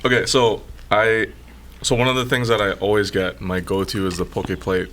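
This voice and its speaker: A man, a podcast guest calmly recommending dishes in a casual chat. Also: fairly low pitch. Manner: relaxed, unhurried explaining.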